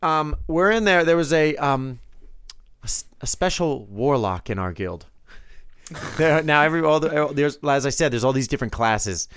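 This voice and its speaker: A man co-hosting a podcast chats casually and tells stories in a fairly high-pitched, lively voice at a moderate pace. His tone is fairly bright, clear, and resonant, captured in a dry, studio-quality recording.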